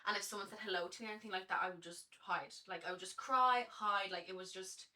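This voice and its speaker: A young Irish woman in her early twenties, a guest chatting casually about her life on a podcast in a lively, chatty way with lots of fillers. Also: mid-range voice, quick pace, far from the mic. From Ireland. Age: early 20s. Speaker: guest, Latin dancer.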